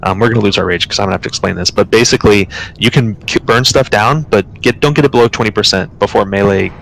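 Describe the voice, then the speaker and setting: A man leading an online game raid, explaining tactics and then calling quick commands. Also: fairly low pitch, creaky, a bit bright, slight background noise, rough recording. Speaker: raid leader. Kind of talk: live game commentary.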